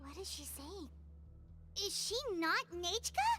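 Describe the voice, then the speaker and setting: A tiny companion creature from a video game, squeaks at an extremely high pitch. The delivery is urgent and excitable, with lively swoops. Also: female voice, unhurried, faint music behind, full character voice. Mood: puzzled.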